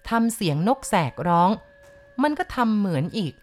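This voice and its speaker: A woman narrating a ghost story in a slow, deliberate storytelling manner. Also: mid-range voice, big pitch swings, a little mellow. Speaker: audiobook reader.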